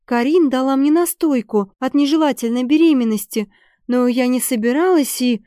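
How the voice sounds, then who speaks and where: Anxious young noblewoman, read by a woman, breathless exclamations, warm mellow tone, dry close audiobook sound. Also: high-pitched, normal speed, no room sound, pitched above the performer's own voice, natural voice. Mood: alarmed. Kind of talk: audiobook character reading.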